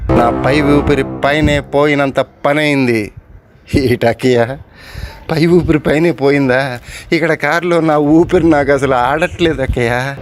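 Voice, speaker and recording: Expressive male storyteller reading aloud. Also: mid-range voice, a little hiss or hum. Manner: expressive, breaks off to chat with the diary's writer. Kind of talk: storytelling narration with spoken asides.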